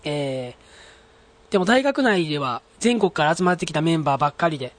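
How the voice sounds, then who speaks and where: A man's voice: a little high, lively intonation, moderate pace. Chatty Japanese man hosting a solo podcast. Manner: polite, chatty, many fillers. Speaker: podcast host. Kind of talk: casual solo podcast, reading a listener letter.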